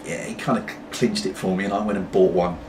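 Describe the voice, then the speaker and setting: Fairly quick and steady, this deep-voiced, middle-aged British man chats to camera with a pipe in his mouth. The pipe-smoking video blogger rambles and apologizes as he goes. A distant mic captures him at home against noticeable noise.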